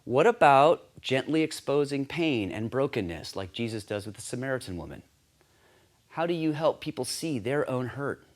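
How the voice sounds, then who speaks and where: A man giving a scripted teaching talk on sharing faith, earnest and steady, lifting his voice when he acts out quoted lines. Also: mid-range voice, normal speed. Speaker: campus ministry teacher.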